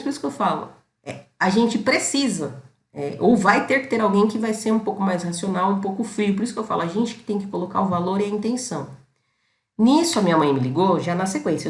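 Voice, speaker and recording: A woman's voice: medium pitch, echoey room. A Brazilian woman hosting her channel, telling a story in casual talk to her viewers and often checking in with them. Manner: chatty storytelling, constant tag questions to the audience. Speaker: self-knowledge channel host.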